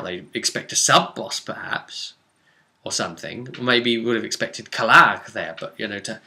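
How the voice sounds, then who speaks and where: Speaking in a mid-range, bright and forceful voice, a game master looks back on a tabletop role-playing session in a relaxed way. His conversational explanation is punctuated by dramatic asides.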